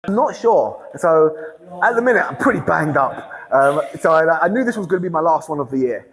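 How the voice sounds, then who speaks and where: A man in casual podcast chat, telling stories with lively energy, laughing often and restarting sentences. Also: fairly high pitch, a little fast, in a large hall. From England. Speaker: grappling competitor, guest.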